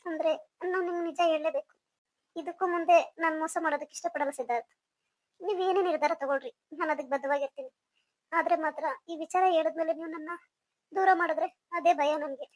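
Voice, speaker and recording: A woman's voice: sits high, fairly even intonation, fast, no echo, natural voice. A woman voicing an anxious young woman in an audio drama who talks earnestly to herself as she works up to a confession. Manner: earnest inner monologue.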